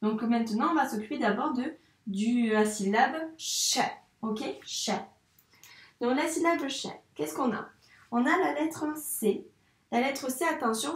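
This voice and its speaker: Encouraging teacher in an echoey room. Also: female voice, on the high side. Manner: slow, encouraging, talks to the child directly. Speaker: primary school teacher. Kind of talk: handwriting lesson for young children. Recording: echoey room, voice a bit far from the mic.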